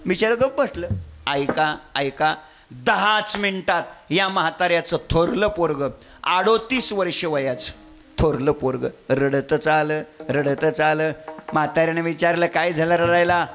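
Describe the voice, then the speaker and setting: A man's voice: fairly high pitch, a little slow, a bit bright, soft background music. A man preaching a devotional kirtan sermon, telling a story and quizzing his audience.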